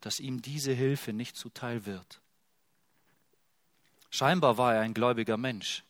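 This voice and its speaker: Expressive German-speaking preacher man, dry sound. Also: mid-range voice, a little slow, no echo. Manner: expressive, swings from hushed to loud when quoting. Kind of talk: sermon.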